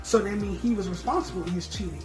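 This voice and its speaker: A man's voice: sits high, fast. A man co-hosting a casual chat show, arguing his opinions bluntly and with profanity. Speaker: podcast co-host. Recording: roomy sound with faint music.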